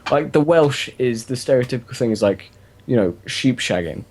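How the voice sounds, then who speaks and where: A man's voice: medium pitch, expressive, normal speed, a little mellow, slight background noise. A man co-hosting a casual podcast, easygoing and hesitant with many um's. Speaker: podcast co-host.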